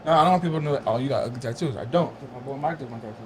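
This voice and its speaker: A man telling stories in a casual podcast chat in a barbershop, relaxed and laughing often. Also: medium pitch, very fast, slight background noise. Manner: laid-back storytelling, laughs often.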